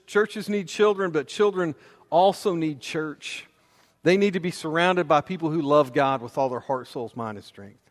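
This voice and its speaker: Conversational preacher man in a reverberant hall. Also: a little high. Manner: conversational, with fillers and repeated restarts. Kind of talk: sermon. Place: church auditorium.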